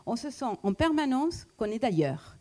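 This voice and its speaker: Woman speaker, foreign accent, mellow warm voice, hesitant, reflective talk. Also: a little high, very animated, normal speed. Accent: foreign accent in French. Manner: hesitant, many fillers and restarts.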